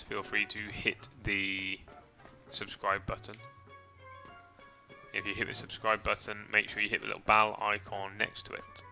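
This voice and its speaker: A man's voice: on the low side, gravelly, pushed and bright. A man casually rambling through a game stream, chatting to viewers with mild swearing. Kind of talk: casual gameplay commentary.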